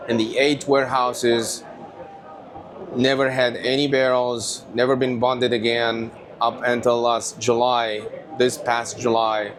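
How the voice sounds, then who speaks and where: Man, lively rambling storyteller, mid-pitched voice, relaxed interview chat. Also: slow, background noise. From Tunisia. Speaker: whiskey company owner, guest.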